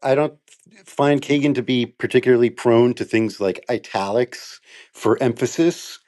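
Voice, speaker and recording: Man, podcast co-host, wry and sarcastic, casual chat, mid-pitched voice. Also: normal speed, darkish tone. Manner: wry, sarcastic, laughs often. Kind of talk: casual legal discussion.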